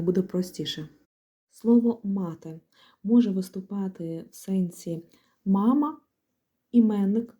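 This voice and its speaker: A young woman explaining grammar in a clear, lightly joking lesson. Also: medium pitch, warm tone. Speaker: Ukrainian language tutor. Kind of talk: exam-prep lesson.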